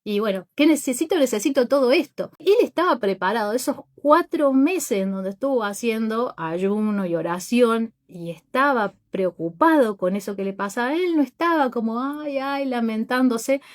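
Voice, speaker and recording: Podcast host, woman, fairly high voice; unhurried, thoughtful storytelling monologue. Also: expressive. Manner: thoughtful, unhurried storytelling that addresses listeners directly. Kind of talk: reflective podcast monologue retelling a Bible story.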